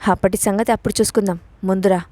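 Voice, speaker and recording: A woman's voice: medium pitch, little pitch movement, racing, dark tone, no echo, close to an everyday voice. A woman reading the part of a domineering young man who mocks and threatens in curt warnings. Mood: sarcastic.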